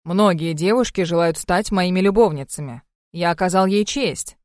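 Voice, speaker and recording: Тётя читает за холодного босса-демона, ровно и коротко, запись сухая. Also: female voice, on the low side, moderate pace, no echo, clean studio sound, natural voice. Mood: cold. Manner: flat, curt, commanding. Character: cold, stern male chaos spirit boss. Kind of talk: audiobook reading.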